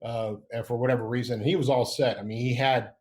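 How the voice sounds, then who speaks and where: A man's voice: mid-range voice, fairly even intonation, a little fast, darkish tone. A middle-aged man hosting a casual podcast, rambling and upbeat, often correcting himself as he goes. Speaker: podcast host. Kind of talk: casual chat.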